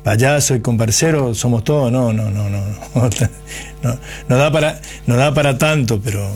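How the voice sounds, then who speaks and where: A man's voice: medium pitch, normal speed, darkish tone, faint music behind. A man, hosting and bantering playfully, joking and repeating words. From Argentina. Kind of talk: casual banter.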